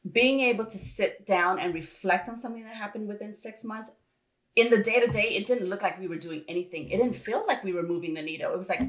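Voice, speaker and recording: Woman, lowish voice, earnest, encouraging, motivational chat. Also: poor audio. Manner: earnest, encouraging, repeats phrases.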